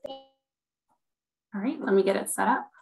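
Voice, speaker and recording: A woman's voice: medium pitch, slow pace, vocal fry. A woman, a city sustainability manager, giving a staff presentation in a public meeting, heard over a group video call and explaining her slides step by step. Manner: steady, explanatory, walks through slides.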